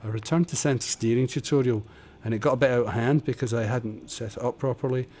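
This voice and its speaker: A game streamer with a medium-pitched, slightly mellow voice chats through a build stream, a little fast and fairly even in intonation. He's chatty and self-deprecating, muttering as he builds in casual tutorial-style commentary on a desk condenser mic.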